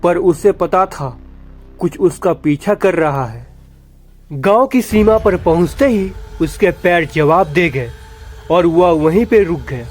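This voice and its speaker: High-voiced slow male horror storyteller. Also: lively intonation. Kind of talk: scripted horror story narration. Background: faint background music.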